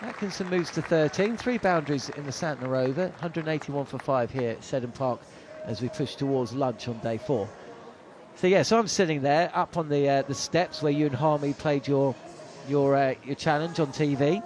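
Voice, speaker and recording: Over crowd and background noise, a middle-aged man with a rather high voice commentates on cricket ball by ball at normal speed. Speaking from a commentary box, he mixes calls of play with chatty, rambling anecdotes and many "uh" fillers.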